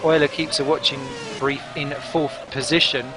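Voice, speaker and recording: A man giving live motorsport commentary as an excitable play-by-play commentator. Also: a little high, moderate pace, music in the background.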